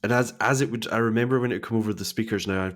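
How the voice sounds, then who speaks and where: A man with a fairly low voice, co-hosting a casual podcast chat. He rambles, restarts his sentences and jumps up in pitch when he gets excited. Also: racing. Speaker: podcast co-host.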